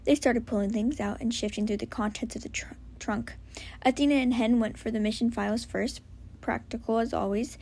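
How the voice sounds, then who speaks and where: A woman doing a soft whispered story reading at home. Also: a little high, steady tone, a little fast. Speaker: story reader. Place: home with a cat.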